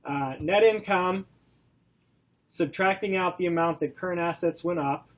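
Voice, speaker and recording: The recording is rough: a male college instructor with a head cold addresses his class in a nasal, blocked-up voice slightly above the usual male pitch. He moves at an unhurried pace, peppers pauses with "um," and frequently quizzes his students.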